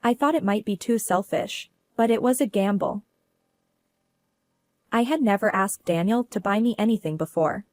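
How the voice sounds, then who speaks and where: A woman telling a first-person story as narrator, in a steady, earnest way. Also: mid-range voice, moderate pace, no room sound, studio quality.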